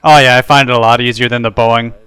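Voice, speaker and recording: A man talks casually as he streams a flight simulator, slipping into pilot radio phraseology. His voice is remarkably clear and smooth, mid-pitched, in a very dry recording. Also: steady tone, quick pace, sharp tone, no echo. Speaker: streamer flying an airliner simulator.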